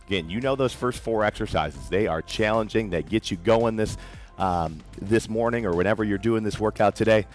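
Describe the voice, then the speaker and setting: Man, fitness coach, encouraging workout cues, countdowns, lowish voice, faint music behind. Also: fairly quick. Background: faint background music.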